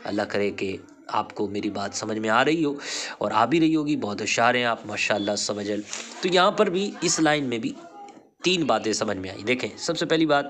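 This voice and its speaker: A man's voice: mid-range voice, fairly bright tone, slight background noise. A man teaching a Quran reading lesson, patiently spelling out letter sounds one by one and encouraging his student to repeat them. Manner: encouraging, praises the learner. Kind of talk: recorded online lesson.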